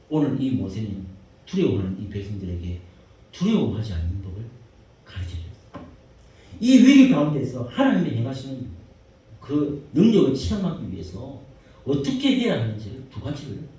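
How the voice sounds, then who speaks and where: A man preaching a sermon as pastor, repeating phrases and swinging between hushed lines and shouts. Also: mid-range voice. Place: church sanctuary. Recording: echoey church hall, mic far off, faint hiss.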